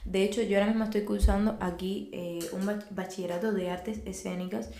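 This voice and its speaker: Speaking briskly in a mid-range voice, a young woman from Cuba chats casually as a guest on a podcast. She brings her stories to life by performing the quoted dialogue, all in a Cuban Spanish accent, against a roomy echo.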